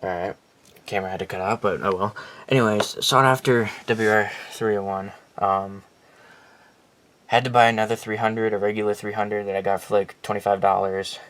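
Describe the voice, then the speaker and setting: Against clear background noise, a weather radio collector gives an unscripted tour of his collection, rambling, blunt and prone to correcting himself. His lowish, slightly bright voice stays fairly even at a moderate pace.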